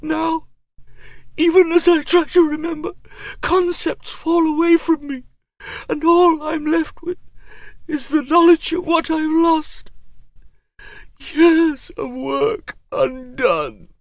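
A man voicing an old legendary sorcerer, speaking in a high, strained hoarse voice, anguished and insistent. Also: steady tone, slow pace, long pauses, dry recording, full character voice. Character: old male legendary sorcerer, shaken and imperious. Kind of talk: audiobook character voice.

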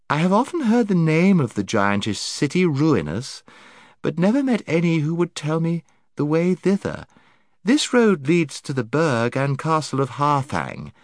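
A man's voice: mid-range voice, dry recording, clean studio sound, pitched above the performer's own voice. A man voicing an enchanting lady in green who speaks sweetly in old courtly words and trills her r's. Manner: lilting, rolls her r's, archaic courtly speech.

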